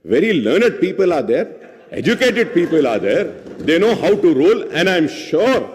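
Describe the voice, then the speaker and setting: Male legislator, high voice, very unhurried delivery, assembly-hall reverb. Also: sing-song, a little hiss or hum. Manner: mixes Hindi and English, addresses the chair as sir; reads out figures, then turns argumentative. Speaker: legislator giving an assembly speech. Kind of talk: parliamentary speech.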